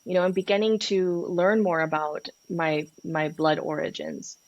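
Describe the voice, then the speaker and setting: In a muffled recording, this Peruvian sex and relationship coach talks in a lowish, unhurried voice. As a podcast guest she is candid and passionate, speaking frankly with some swearing.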